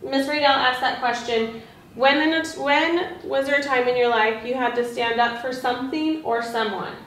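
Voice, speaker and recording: A teacher rehearses a read-aloud lesson with colleagues, asking questions and encouragingly echoing back answers. Her voice is high, steady, a bit bright and at normal speed. The indoor group room is echoey, with a distant mic and faint noise.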